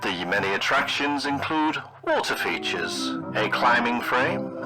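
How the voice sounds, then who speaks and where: Deadpan man narrating like an old newsreel. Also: mid-range voice, a little slow. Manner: formal, florid, deadpan delivery. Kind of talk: old newsreel narration, scripted mock travelogue. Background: music.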